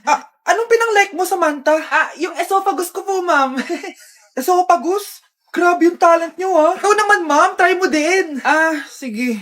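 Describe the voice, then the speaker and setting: A woman acting out comedy skits in many roles, loud and shrill. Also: unhurried.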